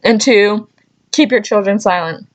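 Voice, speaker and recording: In a rough recording, a woman with a mid-range voice talks a little slowly. She's a vlogger casually telling funny stories to camera, playfully scolding and tossing in dry remarks.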